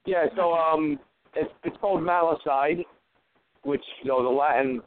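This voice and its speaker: A man's voice: on the high side, measured pace. Man on a crackly, staticky phone line. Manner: rambling, restarts often. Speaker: phone-in guest, actor and filmmaker. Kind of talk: casual phone chat.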